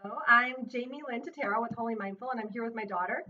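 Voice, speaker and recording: Gentle woman teacher, distant muffled mic. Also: fairly high pitch. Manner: gentle, unhurried, thinking aloud with many fillers and restarts. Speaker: self-compassion teacher. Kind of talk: guided exercise with her child.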